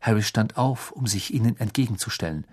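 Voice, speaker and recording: An audiobook reader narrating a fantasy novel with expressive, dramatic storytelling. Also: medium pitch, fairly quick, breathy edge.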